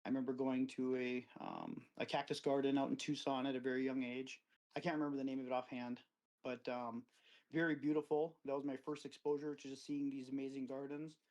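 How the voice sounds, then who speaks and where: A man's voice: lively intonation, fairly quick, darkish tone, poor audio. Easygoing Wisconsin-raised man telling stories. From Wisconsin, USA. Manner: rambling, anecdotal, acts out quoted friends with livelier pitch. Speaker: guest, cactus grower. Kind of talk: relaxed storytelling in an interview. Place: outdoor desert garden.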